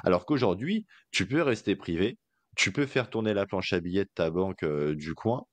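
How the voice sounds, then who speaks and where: A man's voice: deep voice, animated, normal speed, dry recording. A man co-hosting a casual investing podcast, talking loosely with lots of fillers and jokey asides. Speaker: podcast co-host.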